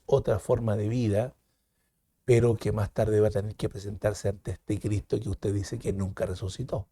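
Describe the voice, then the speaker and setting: A man with a Peruvian Spanish accent teaching a Sunday school lesson, leading listeners through call-and-response repetition and leaping up in pitch on the counts. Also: warm tone, no echo, studio quality. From Peru. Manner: leads repetition drills, jumps high on counts; addresses listeners as "hermanos".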